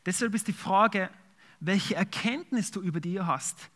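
Man as a pastor, bright, higher voice, relaxed sermon with fillers and scripture reading. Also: measured pace. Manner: conversational preaching with fillers, reads scripture aloud.

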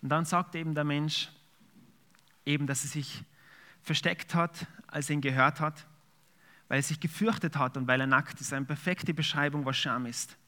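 Man as a pastor, bright, higher voice, relaxed sermon with fillers and scripture reading. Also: normal speed. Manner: conversational preaching with fillers, reads scripture aloud.

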